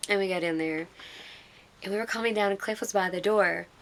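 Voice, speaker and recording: A woman vlogger telling an excited, rambling story in a casual way. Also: medium pitch, brisk.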